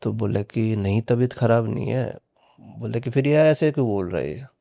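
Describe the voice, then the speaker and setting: A man's voice: lowish voice, moderate pace, gravelly, dark tone. A man casually recounting a horror story on a podcast, acting out the dialogue with frequent "he said" tags. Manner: retells dialogue with many "he said" tags.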